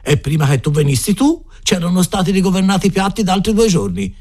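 A man's voice: sits high, very animated, a little fast, darkish tone, pitched above the performer's own voice. A man voicing a crude, sly male cook at a boarding school, who lectures and scolds in a coarse way. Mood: sly, scolding.

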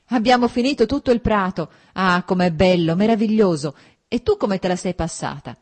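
A woman's voice: fairly low pitch, big pitch swings, normal speed, husky. A woman reading aloud, voicing a cheerful young male landowner who speaks eagerly and in exclamations. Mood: exuberant.

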